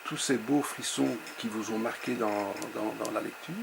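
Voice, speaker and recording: A man interviewing an author in a measured, admiring way. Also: lowish voice, gravelly. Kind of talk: interview conversation. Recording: noisy background.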